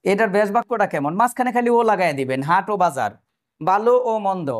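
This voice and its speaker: A man's voice: sits high, lively intonation, quick pace. A man teaching an exam-prep grammar lesson, explaining step by step and putting questions to his viewers.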